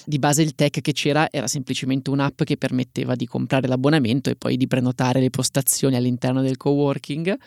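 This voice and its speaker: A man's voice: medium pitch, flat delivery, brisk, gravelly, few pauses, darkish tone, dry recording, clean studio sound. A man co-hosting a podcast, telling stories in a casual, conversational way. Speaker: podcast co-host. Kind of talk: casual storytelling podcast talk.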